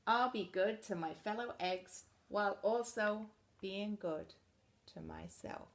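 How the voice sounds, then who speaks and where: A woman reading a picture book aloud to children in an expressive read-aloud manner, dropping to soft, chatty asides about the pictures. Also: medium pitch, slow, a little hiss or hum. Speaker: storybook reader.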